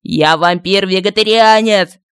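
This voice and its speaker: Irritable male vampire townsfolk, played by a woman who snap and shoo away an unwanted guest. The voice is smooth and clear, in a close, dry recording. It suits a comic fantasy audiobook. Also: low-pitched, unhurried, no room sound. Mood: hostile. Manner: brusque, shouting people away. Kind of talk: audiobook character voicing.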